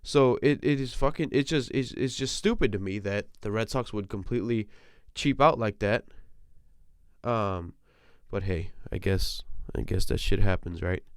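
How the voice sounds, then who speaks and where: A young man hosts a solo sports podcast from a small, compact room, talking casually, ranting and swearing freely while sounding like he's recovering from a cold. His voice is on the low side and smooth, at a normal speed. The studio sound is clean, with no echo.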